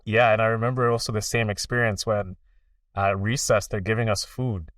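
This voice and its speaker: A young adult man raised in Canada, hosting a podcast in relaxed, relatable chat full of "like" fillers. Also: fairly low pitch, moderate pace, dry recording, studio quality, distant mic. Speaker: podcast host. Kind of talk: casual interview conversation.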